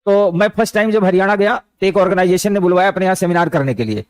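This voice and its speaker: A man's voice: sits high, fast, smooth, no echo. A man teaching a motivational lesson, speaking conversationally and weaving in anecdotes and stray English words. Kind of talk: motivational lecture with storytelling.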